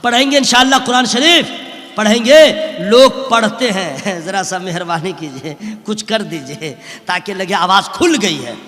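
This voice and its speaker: A man giving a humorous sermon to a live religious gathering, animated and often shouting. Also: high-pitched. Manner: animated, often shouting, acts out little dialogues. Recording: echoey hall with long reverb, public address.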